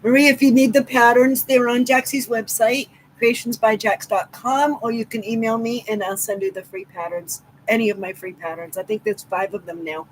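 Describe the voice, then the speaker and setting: On a livestream, a middle-aged Massachusetts woman with a Southeastern Massachusetts accent chats warmly with viewers and names them as she greets them. Her fairly high voice stays steady at a normal speed with few pauses, over slight background noise in a low-quality recording.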